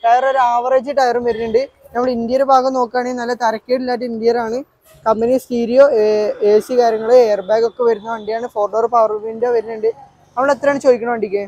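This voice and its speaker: Young man, mix, quick delivery, car showcase host, question-and-repeat manner, dry lapel mic sound. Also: very high-pitched, level tone, a little mellow, dry recording, rough recording. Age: young adult. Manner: mixes English words into Malayalam; asks questions and repeats answers back. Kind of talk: conversational used-car walkaround presentation. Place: open-air car lot. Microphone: clip-on lapel mic.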